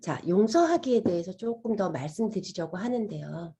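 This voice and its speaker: A woman lecturer with a soft, breathy voice speaks to a room of listeners. Her pitch moves up and down a lot, and she often asks questions and acts out little inner voices. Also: lively intonation, moderate pace. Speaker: meditation and healing lecturer. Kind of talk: gentle lecture to an audience.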